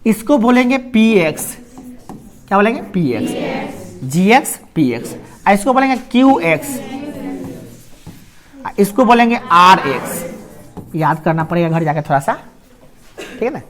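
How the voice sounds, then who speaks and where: A woman's voice: mid-range voice, a little slow, long pauses, a crowd in the background. A woman with a Bihari Hindi accent teaching a maths class in a classroom, keeps firing questions at her students and drawing answers out of them. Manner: animated call-and-response questioning of students. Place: classroom with a board.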